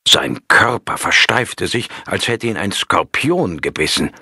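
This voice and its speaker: A man reading a story aloud in a calm, measured storytelling manner. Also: low-pitched, husky, dry recording, studio quality. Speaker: audiobook narrator. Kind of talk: scripted narration of a story.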